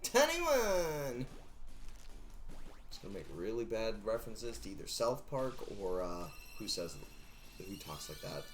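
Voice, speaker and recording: A young man with a low voice chats loosely through a live stream, joking and rambling as he counts eggs aloud. He talks into a desk mic with faint game music in the background. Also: moderate pace. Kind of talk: casual live-stream chatter while gaming.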